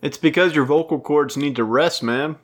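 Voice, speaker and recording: A man's voice: on the high side, moderate pace. A young man co-hosting a podcast in casual comedic chat, rambling and self-deprecating. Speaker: podcast co-host.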